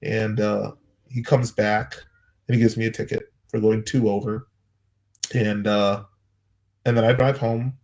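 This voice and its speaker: A man in his thirties, a pastor, telling a personal story in an earnest, halting way with many restarts. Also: fairly low pitch, flat delivery, darkish tone. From United States.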